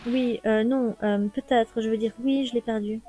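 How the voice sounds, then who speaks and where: Woman player reads a timid masked thief from a detective game; soft, stammering, apologetic, with a mellow tone over faint music. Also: on the high side, steady tone, moderate pace, husky. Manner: hesitant, stammering, contradicts himself.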